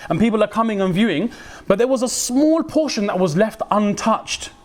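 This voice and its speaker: British male preacher, lively and slangy, slightly high voice, acts out quoted voices. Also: normal speed. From United Kingdom. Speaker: Islamic preacher. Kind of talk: religious talk.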